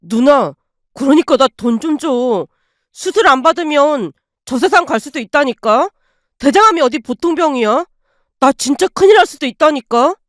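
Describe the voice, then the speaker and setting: A woman voicing a sick, shameless middle-aged father who pleads in a low, slow, whining voice. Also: lively intonation, dry recording, clean studio sound.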